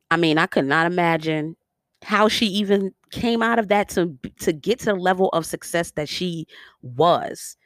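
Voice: medium pitch, dry recording. New York accent, vlogger, casual opinion commentary, sassy, slangy, dry close sound. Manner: sassy, animated, slangy asides. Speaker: vlogger reviewing a biopic series.

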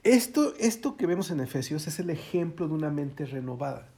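A man's voice: on the high side, big pitch swings, fairly quick, warm tone. A man preaching casually, folksy and joking, acting out little quoted voices. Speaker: pastor.

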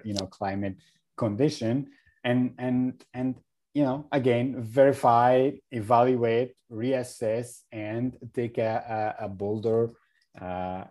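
A man from Egypt, a guest in a podcast interview, speaking in a halting way with many fillers and restarts. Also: fairly low pitch, dark tone. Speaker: guest, regenerative agriculture advocate.

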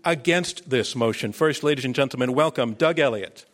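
A man's voice: mid-range voice, moderate pace, fairly bright tone. A man hosting a live debate on stage as moderator, introducing and questioning guests, with an audience behind him.

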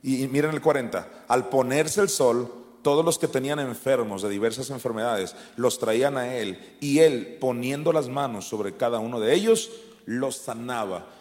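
A man preaching in a large church hall, his voice carried by a long, ringing reverb. He swings between fiery shouted commands and hushed, low asides, pressing each point home. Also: normal speed. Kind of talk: sermon.

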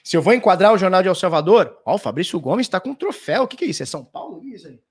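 A man's voice: high-pitched, very animated, rapid-fire, breathy edge. A Brazilian man hosting a casual live stream, answering viewer questions in a loose, slangy way with swearing and restarts. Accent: Brazilian Portuguese. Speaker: crypto livestream host. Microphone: standing at a live stream mic.

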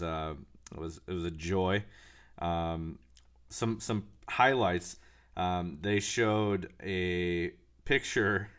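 A man giving casual political commentary alone, sarcastic and mocking, with many halting fillers and restarts. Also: deep voice, a bit bright.

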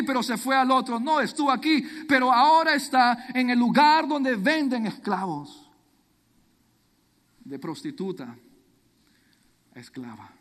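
High-voiced preacher in a reverberant hall. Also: male voice, fairly bright tone. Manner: dramatic storytelling. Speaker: youth pastor. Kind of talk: sermon.

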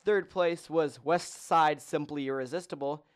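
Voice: mid-range voice, a little slow. A podcast host in casual chat, joking and running through long lists of results with many ums.

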